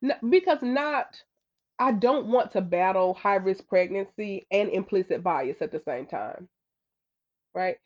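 A woman speaking as a podcast guest, earnest and conversational, lively when she acts out what others said. Her voice comes through slightly dull, lo-fi audio at a medium pitch. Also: measured pace. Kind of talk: conversational storytelling.

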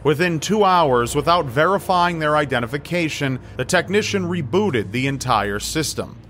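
A man's voice: medium pitch, a bit bright. A man reading scripted narration in the style of a true crime list video. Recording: music behind the voice. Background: background music.

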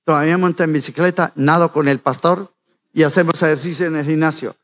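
A man's voice: fairly high pitch, fairly even intonation, a little fast, a bit bright. A man giving a jokey, chatty sermon in a church, talking straight to the congregation. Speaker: church speaker. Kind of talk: humorous sermon. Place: church sanctuary.

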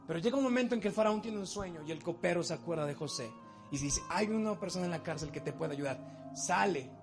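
A Mexican man preaching a sermon, moving between loud exhortation and soft, intimate passages. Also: on the high side.

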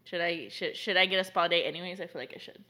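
A woman's voice: on the low side, fast, sharp tone. A woman business coach hosting a casual, teasing quiz with her husband, laughing often.

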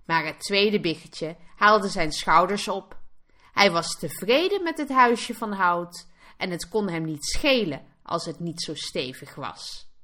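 A woman teacher reading a fairy tale aloud slowly and clearly for language learners. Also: fairly low pitch. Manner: clear, expressive read-aloud. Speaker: Dutch teacher. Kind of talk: slow storybook narration for learners.

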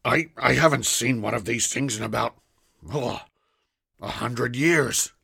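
A man voicing a centuries-old male companion who speaks lively, polite and a little grand. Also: mid-range voice, measured pace, gravelly, breathy edge, dry recording, clean studio sound, exaggerated voice. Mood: amazed. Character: very old man who looks young, cheerful and reassuring.

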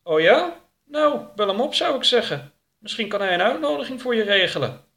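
A man's voice: high voice, big pitch swings, moderate pace, a bit bright, voice pushed up, exaggerated voice. Man playing a stern, pious activist in a storybook, lecturing tone. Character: stern, pious middle-aged male activist.

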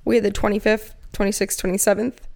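A young woman co-hosting a podcast, chatting casually and telling animated stories with plenty of swearing. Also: mid-range voice, fast talker, gravelly. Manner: swears freely, animated storytelling. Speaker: podcast co-host. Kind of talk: casual chat.

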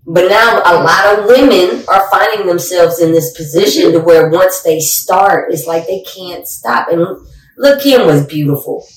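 A woman co-hosting a podcast in casual chat, blunt and animated with a sassy edge. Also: lowish voice, a little slow, roomy sound, far from the mic, poor audio. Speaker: co-host.

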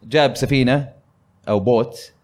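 A man's voice: medium pitch, moderate pace, darkish tone. A man hosting a casual gaming podcast, talking in a rambling way with many fillers. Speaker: podcast host.

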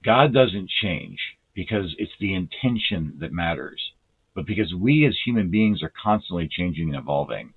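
Earnest low-voiced man giving a sermon. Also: lively intonation, slightly rough. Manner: earnest, measured, with slow deliberate emphasis; self-described dry sense of humor. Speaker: lay preacher. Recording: tinny phone-like audio.

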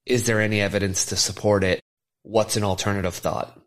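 A man with a fairly low voice hosts an interview podcast. He frames his questions thoughtfully and reflects on what his guest has said before asking more. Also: level tone, brisk, a bit bright. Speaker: podcast host.

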